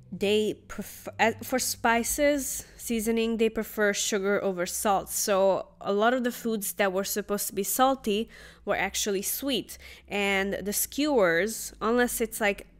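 This clip has a woman's clean, medium-pitched voice, a little slow, narrating a casual travel vlog. She tastes market food at an outdoor night market and talks about it in a relaxed way.

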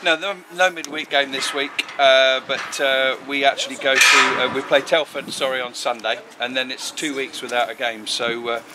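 A man's voice: mid-range voice, steady tone, moderate pace, few pauses. A man interviewing a player after a match outdoors, chatty and asking leading questions. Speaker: club media interviewer. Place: outdoors at a football ground at night. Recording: wind noise outdoors.

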